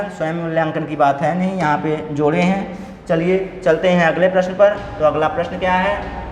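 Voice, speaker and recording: A male teacher running an exam-prep lesson, reading out Sanskrit questions and explaining each in Hindi, repeating every point, with light teasing asides. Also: high voice. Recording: echoey room with long reverb, faint noise.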